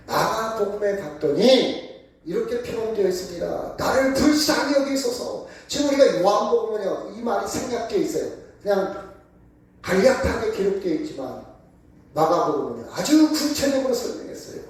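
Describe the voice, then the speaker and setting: A man's voice: sits high, darkish tone. A man preaching a sermon as pastor in a church, with emphatic call-and-response questions. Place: church sanctuary. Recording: very echoey room, voice from far off.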